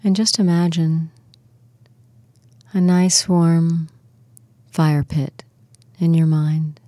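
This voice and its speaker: A woman leading a guided muscle relaxation and visualization, speaking in slow, soothing, soft-spoken instructions. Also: deep voice, flat delivery, dry recording.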